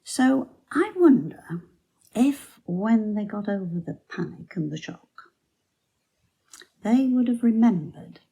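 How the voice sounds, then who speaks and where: A woman giving a Bible teaching talk for her church, telling the story in a deliberate storytelling manner. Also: mid-range voice, gravelly, dark tone, husky.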